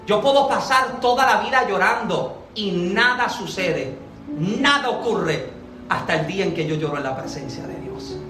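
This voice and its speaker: A woman preaching a fervent sermon, building to shouted peaks. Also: medium pitch, animated, normal speed, reverberant, a little hiss or hum.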